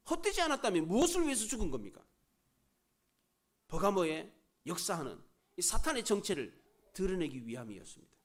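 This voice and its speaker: A man's voice: very high-pitched, fairly bright tone. A male pastor delivering a sermon, full of rhetorical questions and dramatic rises and drops.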